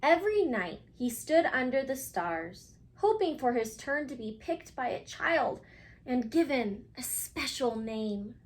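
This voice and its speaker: A woman reading a picture book aloud for children, expressively and with dramatic pauses, speaking directly to her young listeners. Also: sits high, very animated. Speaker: children's story reader.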